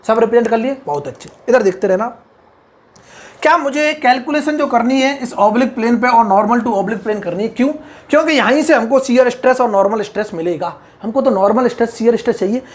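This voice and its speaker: A man giving a whiteboard engineering lecture. He keeps checking whether everything is clear, repeats key terms and murmurs short asides of praise. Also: high voice, fast. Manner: keeps asking if it is clear, praises himself with "very good". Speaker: engineering tutor.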